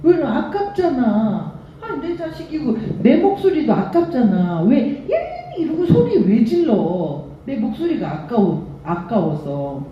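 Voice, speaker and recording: An older woman pastor giving a revival sermon, telling stories with lively, acted-out quoted voices. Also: a little high, measured pace, few pauses, very echoey, muffled recording, a little hiss or hum. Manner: animated storytelling, acts out quoted voices. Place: church sanctuary.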